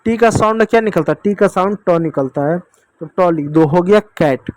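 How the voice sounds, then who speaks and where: High-voiced man teaching kids phonics. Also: moderate pace, a little mellow, dry recording. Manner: patient, asks questions then answers them; repeatedly addresses kids as dear children. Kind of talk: children's English phonics lesson.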